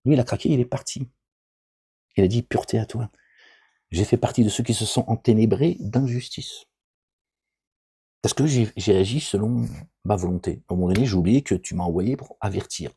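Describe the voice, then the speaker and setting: A middle-aged man with a somewhat low, warm, husky voice talks a little fast and pauses often. His religious commentary is informal and rambling, full of joking asides, and he keeps checking on listeners with "d'accord?"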